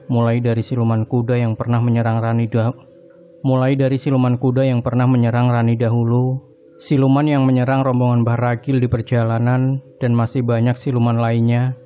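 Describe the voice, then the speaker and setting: A man narrating a scripted horror story in a steady, even storytelling manner. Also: mid-range voice, highs cut off. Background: faint background music.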